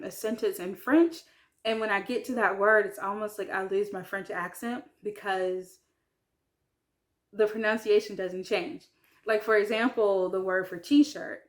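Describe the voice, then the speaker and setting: A woman talking casually to camera as a vlogger about learning a language, chatty and hesitant, with many fillers. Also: medium pitch. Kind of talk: casual vlog talk.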